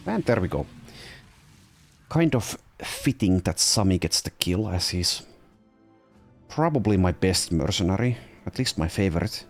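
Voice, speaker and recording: Low, musing man commenting on gameplay. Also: sing-song, measured pace, pauses often, soft background music. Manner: musing, thinking aloud with fillers. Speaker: let's play host.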